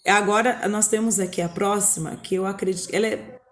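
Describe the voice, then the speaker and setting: A woman's voice: medium pitch, fairly even intonation, fairly quick, a little hiss or hum. A woman with a Brazilian Portuguese accent, a teacher explaining a lesson to her students on video, often checking in with short tag questions.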